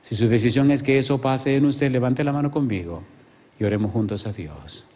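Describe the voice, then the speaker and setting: With a medium-pitched voice and a slightly quick pace, a man delivers an evangelistic sermon in a reverberant hall. He alternates between loud exclamations and hushed pleading, asking the congregation many rhetorical questions.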